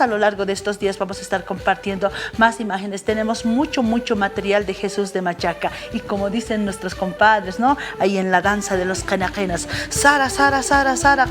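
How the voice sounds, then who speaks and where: A woman TV presenter, leading an animated live segment and calling out phrases for viewers to repeat. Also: medium pitch, fairly quick, few pauses, music in the background. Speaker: TV presenter teaching Aymara. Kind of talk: live TV segment, lively teaching.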